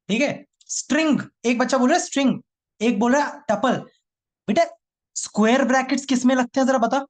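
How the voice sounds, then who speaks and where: A man teaching a live online programming class, teasing his students and repeating each line twice. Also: very high-pitched.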